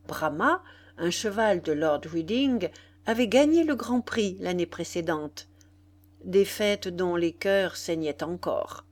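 A woman narrating a classic novel as an audiobook with an expressive, dramatic reading. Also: on the low side. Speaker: audiobook reader.

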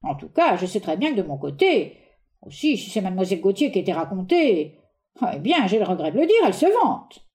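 A woman reading a stage play aloud, voicing a haughty, exasperated middle-aged gentleman with sharp, condescending exclamations. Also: medium pitch, sing-song, brisk, lightly acted.

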